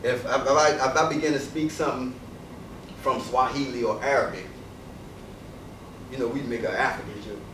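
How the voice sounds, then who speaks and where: A man's voice: mid-range voice, moderate pace, long pauses, noisy background. A man giving an emphatic public speech to a university audience, throwing rhetorical questions at the crowd. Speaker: invited speaker addressing a student audience. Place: university lecture hall. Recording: echoey hall from far off.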